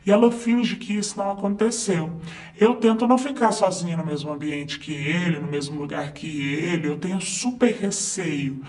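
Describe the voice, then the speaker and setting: A man's voice: sits high, moderate pace, darkish tone. A man narrating a first-person story in a conversational way, with fillers and asides to the listener.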